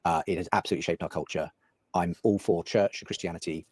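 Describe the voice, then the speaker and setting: Man, low register, dry close sound, talking through his views in conversation. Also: fairly even intonation, fast, darkish tone, husky, dry recording. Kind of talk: conversational discussion.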